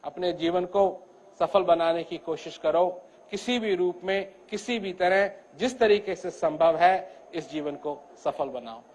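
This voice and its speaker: A very high-pitched older man gives a spiritual discourse. He speaks loudly and emphatically, as if straight from the heart. His voice keeps rising and falling from phrase to phrase. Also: measured pace. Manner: rises and falls in pitch and loudness. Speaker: spiritual teacher.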